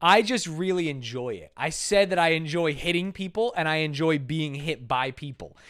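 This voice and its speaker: A man's voice: a little high, animated, normal speed, a bit bright. An American man bantering casually as a podcast co-host, brash, profane and mock-boastful. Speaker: podcast co-host, content creator.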